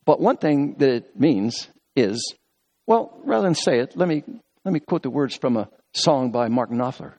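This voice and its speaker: Male pastor, sermon delivery, storyteller, quick asides against slow emphatic phrasing. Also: medium pitch, lively intonation, a little mellow. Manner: reads scripture aloud within the talk.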